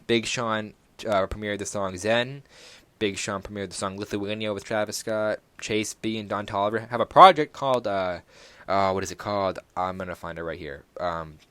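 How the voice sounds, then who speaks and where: A man's voice: lowish voice, steady tone, normal speed, fairly bright tone, smooth, no echo. A young man hosting a casual solo podcast, rambling through music news with many fillers and self-corrections. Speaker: podcast host.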